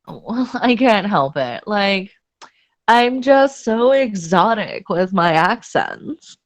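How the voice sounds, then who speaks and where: Chatting casually with friends, a woman with a medium-pitched voice and lively intonation speaks at a slow pace, with no room sound. She's giggly, laughs often, and tries out silly mock Spanish phrases during the banter.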